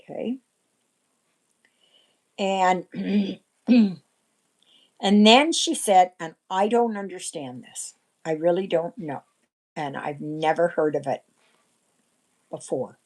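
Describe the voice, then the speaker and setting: Slow-talking woman in her sixties. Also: on the low side, darkish tone, rough recording. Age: 60s. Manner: rambling, frequent throat clearing. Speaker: livestream host. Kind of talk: casual livestream chat.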